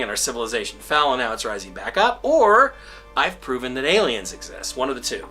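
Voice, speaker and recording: A man with a bright, forward voice speaks eagerly and emphatically in an interview. Soft music is faintly heard beneath. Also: medium pitch. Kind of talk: enthusiastic interview talk.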